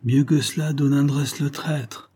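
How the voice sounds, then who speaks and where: A man voicing a bold, proud young bandit chief who speaks with calm contempt and barks orders in an audiobook tale. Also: mid-range voice, moderate pace, slightly rough, natural voice. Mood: scornful. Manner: contemptuous, commanding.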